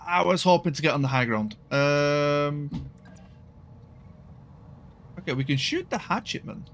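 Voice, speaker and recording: A man's voice: fairly high pitch, a little slow, fairly bright tone, faint music behind. A man casually commenting while playing a strategy game, thinking aloud and swearing now and then.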